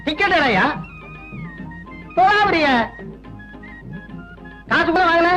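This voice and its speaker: An actor playing a bossy male train ticket examiner who scolds loudly and sarcastically. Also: extremely high pitch, animated, takes it slowly, soft background music, full character voice. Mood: scolding.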